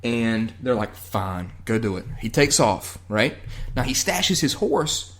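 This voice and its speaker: A man's voice: mid-range voice, big pitch swings, slow, fairly bright tone. A man hosting a podcast, casually recapping a TV episode in a loose, profane way with lots of fillers. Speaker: podcast host.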